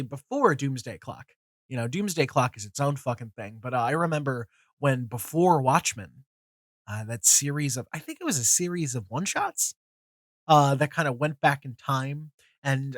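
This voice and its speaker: With no echo on the audio, a comics video host in his twenties talks in a mid-range voice made nasal by a cold. He rambles casually about his opinions, dropping many fillers, restarting often and swearing casually.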